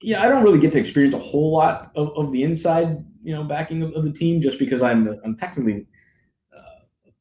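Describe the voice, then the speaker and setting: A man's voice: fairly high pitch, fairly quick, warm tone. A man, a stadium announcer, telling stories with enthusiasm and frequent laughs in a casual interview. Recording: roomy echo.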